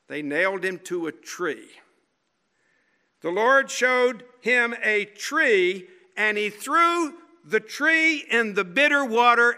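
Dramatic, bright-voiced male preacher. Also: clear, resonant tone. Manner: dramatic, animated storytelling with rhetorical questions; drops to a quiet, slow, low voice for emphasis. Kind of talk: sermon.

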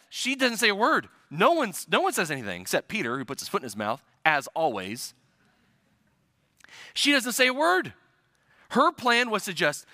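Bright-voiced, earnest male preacher. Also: high voice, dry recording, clean studio sound. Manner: earnest and emphatic, dropping to a hush for weight. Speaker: pastor. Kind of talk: sermon.

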